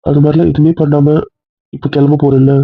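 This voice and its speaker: A man's voice: on the high side, little pitch movement, a little fast, husky. A man playing a young husband who speaks earnestly and tenderly to his wife in an amateur audio drama. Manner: earnest, heartfelt. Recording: tinny phone-like sound.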